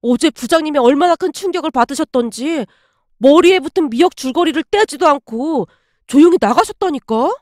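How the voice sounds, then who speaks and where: A woman voicing a blunt, easygoing young office coworker who talks fast. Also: sits high, expressive, a little mellow, no echo, clean studio sound. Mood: blunt excited.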